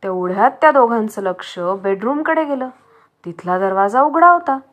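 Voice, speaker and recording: A woman narrating a children's story in a lively, dramatic storytelling manner. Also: fairly high pitch, moderate pace.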